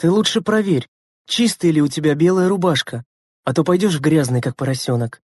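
A woman's voice: low voice, a little fast, a little mellow, breathy edge, no room sound, studio quality. A woman reading a storybook and voicing a stern, weary teenage older sister who scolds her siblings. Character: harried older sister, teen girl, stern and tired.

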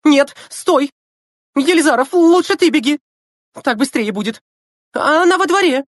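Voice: lively intonation, normal speed, no echo, clean studio sound. A reader voicing an indignant female geography teacher who snaps breathless orders in an audiobook. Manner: shrill, breathless commands. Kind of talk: audiobook character voice.

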